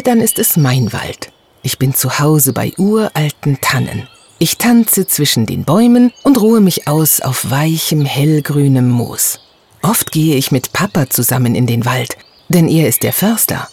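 Expressive children's-story narrator, first-person telling, wide lively pitch. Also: a little slow, husky. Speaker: audiobook narrator.

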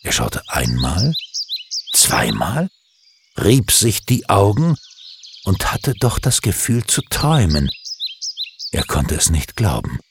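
Slow, expressive male storyteller. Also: deep voice, vocal fry, noisy background. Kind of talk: reading a children's story aloud.

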